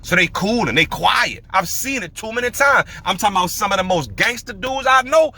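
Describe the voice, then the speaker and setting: Man, high voice, very animated pitch, podcast host, casual opinionated talk. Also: brisk. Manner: animated storytelling, emphatic, slangy.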